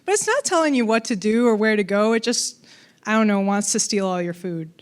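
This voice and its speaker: A woman's voice: mid-range voice, steady tone, moderate pace, smooth. A woman giving a conference talk on coding, casual and playful, with fillers and asides. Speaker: conference speaker.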